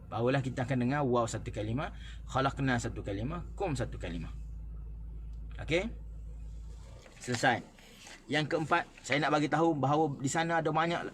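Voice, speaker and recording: A man with a Malaysian Malay accent teaching a recorded Quran recitation class, explaining word stress and then slowly chanting verses to demonstrate it, with frequent fillers and self-corrections. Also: medium pitch, a bit bright, slight background noise. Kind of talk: recorded online tajwid class.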